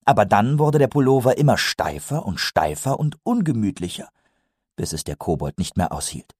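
A man narrating a storybook reading in a lively, expressive way. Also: lowish voice, normal speed, slightly rough, no room sound, studio quality.

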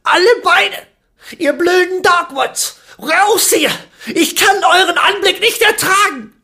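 A man's voice: extremely high pitch, takes it slowly, bright, forceful tone, pitched above the performer's own voice, full character voice. A man voicing a hot-tempered, furious child who screams at the top of his voice. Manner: screaming, fierce.

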